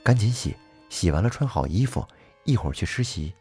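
Man reading a brisk, quiet village mom in a storybook, low and plain, husky. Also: sing-song, dry recording, soft background music, exaggerated voice. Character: middle-aged village mother, curt and brisk.

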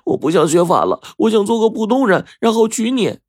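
A man voicing a desperate, lovesick young man in his twenties, pitched high and pleading. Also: sing-song, fairly quick, a little mellow, no room sound, studio quality.

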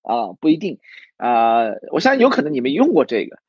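A man's voice: medium pitch, huge pitch swings, a little fast, husky, no echo. Guy teaching sales on a livestream, lots of um and restarts, kinda muffled dry audio. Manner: conversational, many fillers and restarts, asks the audience questions. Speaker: recruitment sales trainer.

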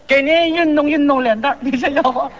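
A man performing comic crosstalk, trading quick banter and sing-song vendor cries. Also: very high-pitched, slight background noise. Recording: dull lo-fi recording.

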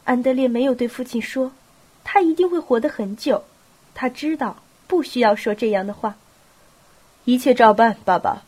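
A woman's voice: a little high, normal speed, mellow, slightly rough. Woman with a cold reading a novel. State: has a cold. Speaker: audiobook narrator.

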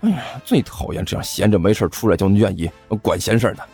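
A man's voice: fairly low pitch, big pitch swings, quick pace, gravelly, dark tone, husky, faint music behind, exaggerated voice. A man voicing a chubby, cheeky schoolboy who talks in a sly, teasing, sing-song way. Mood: taunting.

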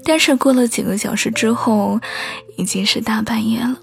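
Brief: soft-spoken woman, whispered role-play bedtime story, fairly high voice, faint music under it. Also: gravelly. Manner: soft, hushed, slow and soothing. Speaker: bedtime storyteller playing a girlfriend.

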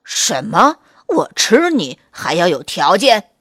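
A woman voicing a big, hungry male gray wolf in a children's story, loud and blustering, slow to catch on. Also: fairly low pitch, big pitch swings, no echo, studio quality, voice pushed down, exaggerated voice. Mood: gruff.

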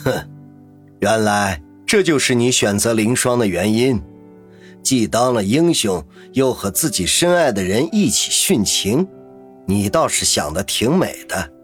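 A man's voice: lowish voice, very animated, measured pace, soft background music. A man voicing a cold, taunting mysterious captor who talks in a sneering, mocking way in an audio drama.

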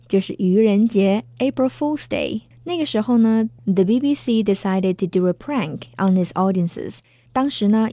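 A woman's voice: medium pitch, warm tone, no room sound. A woman hosting a bilingual English lesson in a playful, chatty way, laughing often. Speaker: language lesson host. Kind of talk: bilingual casual lesson narration.

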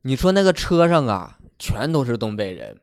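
A man's voice: mid-range voice, big pitch swings, moderate pace. A man from Harbin, bantering dryly on a comedy podcast. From Harbin, Northeast China. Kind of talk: casual comic banter.

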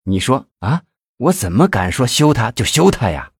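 A man's voice: medium pitch, sing-song, moderate pace, slightly rough, no echo, clean studio sound, heavily acted. A man voicing a middle-aged male city mayor who sighs and complains wearily about his troubles. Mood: gloomy, sighing. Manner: sighing, complaining, weary.

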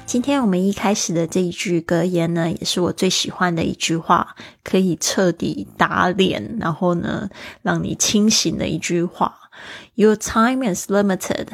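Low gravelly-voiced woman teaching English. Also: fairly even intonation. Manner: explains words slowly, spelling them out; encouraging, talks straight to listeners. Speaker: podcast host and English teacher. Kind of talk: podcast English lesson.

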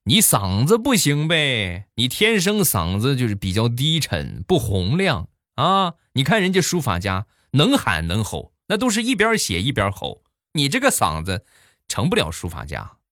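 A blunt, know-it-all older cousin, as a man puts him on in a comic monologue, lecturing with emphasis and pitched higher than the teller's own voice. His delivery swings widely, set in a dry, close recording. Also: huge pitch swings, moderate pace, fairly bright tone, no room sound. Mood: scolding.

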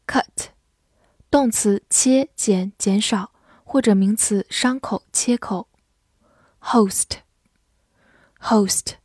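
A woman teacher giving a vocabulary lesson. She reads each word twice and then its meanings, in a clear, careful way. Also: medium pitch, darkish tone, no room sound, studio quality. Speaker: English teacher.

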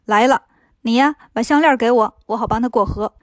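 A woman's voice: fairly high pitch, a little fast, no echo, clean studio sound, natural voice. A woman voicing a helpful male divine messenger in a storybook reading, friendly and explaining.

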